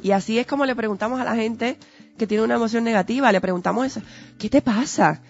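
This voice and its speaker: A woman's voice: a little high, rapid-fire, vocal fry. An earnest woman talks as a guest, steering her points with rhetorical questions like a patient teacher. Her voice is muffled and lo-fi, and faint music sits underneath. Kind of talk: conversational explanatory talk. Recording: dull lo-fi audio with faint music.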